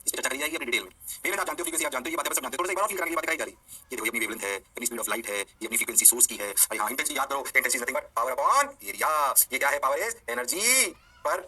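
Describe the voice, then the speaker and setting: A man teaching a physics lecture, animated and playing both sides of a call-and-response with his students. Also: mid-range voice, rapid-fire, husky, poor audio. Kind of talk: energetic classroom lecture.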